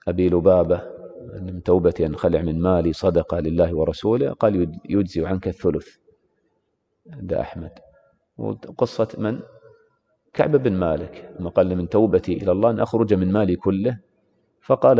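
A man teaching Islamic law in a classroom lecture, repeatedly posing rhetorical questions to his students. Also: low-pitched. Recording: reverberant hall, dull lo-fi sound.

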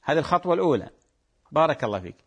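A man's voice: a little high, sing-song, racing, a bit bright, husky, dull audio. A man with a Gulf Arabic accent, an Islamic scholar answering callers' religious questions in a patient, explanatory way that repeats key points. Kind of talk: religious call-in Q&A.

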